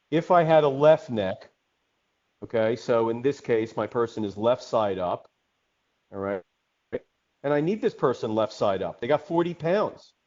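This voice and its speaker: A man's voice: mid-range voice, darkish tone. A man teaching an online webinar in a conversational way, often checking in with "okay?". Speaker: instructor. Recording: dull lo-fi webinar audio.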